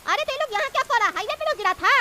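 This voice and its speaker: A woman voicing a cheeky, fussy young cartoon lad who argues and demands, over loud background noise. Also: very high voice, lively intonation, rapid-fire. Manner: argumentative, demanding, suspicious.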